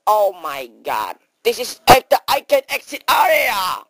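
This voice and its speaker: A woman's voice: medium pitch, sing-song, a little slow, a bit bright, husky, no room sound, rough recording. A woman acting out an improvised comedy skit in broken English, full of exclamations and sudden switches of voice.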